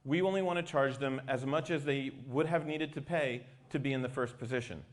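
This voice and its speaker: A man's voice: mid-range voice, brisk. A man giving an explanatory technical talk as a company presenter.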